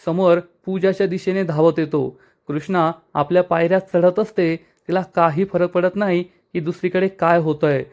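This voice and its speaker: A man's voice: high voice, fairly even intonation, normal speed, darkish tone. A man retelling a TV serial episode plot step by step as a storyteller, addressing listeners as friends.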